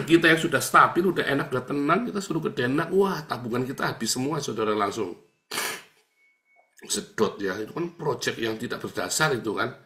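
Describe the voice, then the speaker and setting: A middle-aged man preaching a sermon in a relaxed, conversational way. He often turns to address his listeners, rising to emphatic lines and dropping to a quiet murmured prayer. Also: medium pitch, moderate pace, a little hiss or hum. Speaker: pastor.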